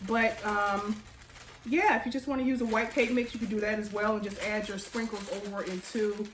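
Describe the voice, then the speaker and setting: An American home baker who runs a cooking channel hosts a casual baking tutorial, chatty and informal, calling her viewers "you guys." Her mid-range voice has a congested nose, fairly even intonation and normal speed, recorded in an echoey room with faint background noise.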